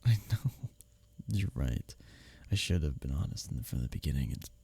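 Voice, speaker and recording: In an intimate romantic roleplay, a man plays a smitten, teasing workplace rival, his breathy, husky delivery halting and often sinking to a whisper. His pitch is extremely low, with a sing-song lilt, a dark tone, and a full character voice. He sounds tender and confessing.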